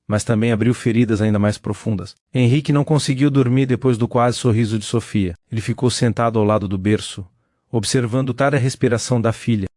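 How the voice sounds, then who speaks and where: A man giving a scripted dramatic narration in a measured, solemn storytelling manner. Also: medium pitch, darkish tone, dry recording, clean studio sound.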